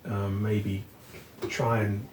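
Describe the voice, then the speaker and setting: A man's voice: lowish voice, little pitch movement, very slow. A man from England hosting a casual podcast interview, musing thoughtfully with hesitant starts. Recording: echoey room with faint ambient noise.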